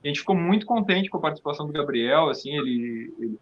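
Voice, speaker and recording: The founder of a theatre company, a man from Rio Grande do Sul with a southern Brazilian accent, chats casually in an interview and repeats words while he gathers his thoughts. He talks fast in a slightly high voice with lively intonation, and the recording's highs are cut off.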